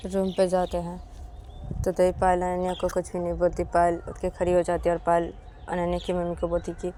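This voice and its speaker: A woman's voice: lowish voice, completely flat delivery, fast talker, dark tone, slight background noise. A woman telling a romantic story in casual narration, linking each step with the same connecting phrase. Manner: repetitive linking with "to tabhi".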